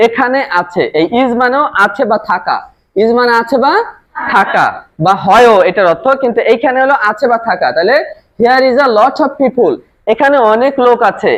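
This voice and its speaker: Woman teacher with a high voice, drills phrases slowly and loudly in a classroom. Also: animated, rough recording. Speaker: English teacher. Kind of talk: classroom lesson. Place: school classroom.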